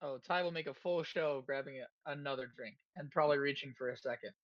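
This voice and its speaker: Give me a giggly, animated player at a tabletop game. The recording sounds dull and dry. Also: medium pitch, quick pace, no echo. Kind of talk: tabletop role-play chat.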